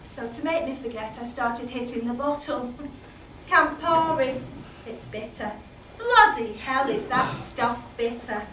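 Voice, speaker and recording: A British woman playing a chatty, candid middle-aged housewife in a solo comic monologue, swinging from hushed asides to loud outbursts. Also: a little high, lively intonation, measured pace. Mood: animated. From Britain. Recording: roomy, distant mic, faint background noise.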